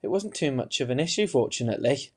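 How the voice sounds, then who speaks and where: A man's voice: medium pitch, fast talker, slightly rough. A man, a guest on a video call, telling his story frankly and easily from a small room at home. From Romania. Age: 30s. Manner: frank, relaxed storytelling with light laughs. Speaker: interview guest. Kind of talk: recorded video-call interview. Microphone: webcam on a video call.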